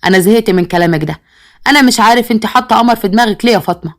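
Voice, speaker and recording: A woman's voice: mid-range voice, rapid-fire, close to an everyday voice. A woman with an Egyptian accent voicing a stern, bossy village father who favors one daughter-in-law. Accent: Egyptian Arabic. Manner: commanding, scolding.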